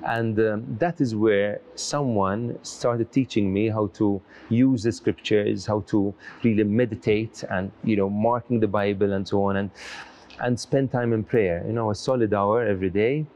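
With a fairly low, slightly mellow voice and fairly even intonation at normal speed, a middle-aged man from Malta answers interview questions. He is a priest and lecturer sitting in a large church, and he speaks earnestly and reflectively, with many restarts.

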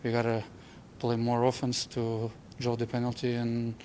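A young man, a hockey player, giving a halting postgame interview in a locker room with simple, broken phrasing. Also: medium pitch, completely flat delivery, dark tone, a little hiss or hum.

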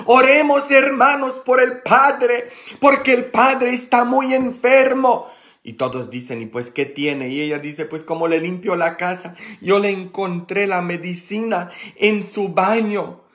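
A man preaching a sermon as a priest. He tells the story slowly, with many fillers and tag questions, and voices the people in it with sudden loud, high outbursts. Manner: animated, acts out quoted people with sharp rises in pitch and loudness.

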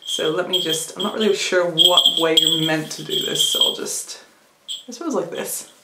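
A young woman vlogger from the United Kingdom, with a deep voice and moderate pace, chats casually through a clothing haul video. She's giggly and uses lots of fillers. The recording has an echoey room and faint noise.

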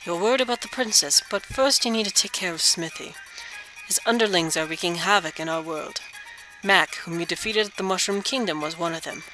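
A woman voicing an old, wise, kindly male frog sage from a video game, speaking in measured, formal phrases. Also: fairly low pitch, music in the background, close to an everyday voice, rough recording. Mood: grave, patient. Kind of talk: video game dialogue read aloud.

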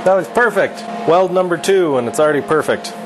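A noisy garage is the backdrop as a thirtysomething host teaches his wife welding in a casual, self-deprecating chat. His voice runs a little high, animated and slightly quick.

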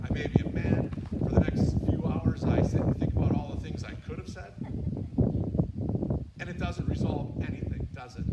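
A Midwestern pastor with a fairly high voice preaches in an easy, chatty way and keeps asking his congregation questions. He sounds distant from the mic in echoey outdoor sound. Loud noise and passing traffic run underneath. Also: highs cut off. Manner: plain-spoken, asks listeners questions, frequent ums. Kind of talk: casual conversational sermon. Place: outdoor church courtyard service.

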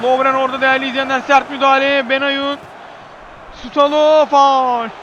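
A man commentates live football in a strikingly high, forceful voice. He fires off clipped phrases and repeats names emphatically, breaking into excited shouting at key moments. Faint noise sits behind him. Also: normal speed, muffled recording.

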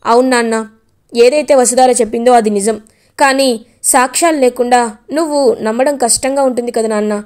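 An earnest father in a retold serial, pleading with his son, as a woman narrator voices him. The voice stays high and steady. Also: a little fast, close to an everyday voice. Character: grieving father accusing a family villain.

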